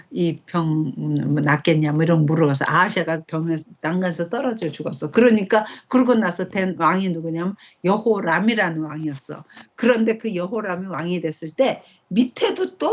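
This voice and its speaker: A middle-aged woman leading a casual Bible study at home, speaking conversationally and checking in with quick rhetorical questions. Her voice sits low for a woman. It is captured on a dull, lo-fi recording.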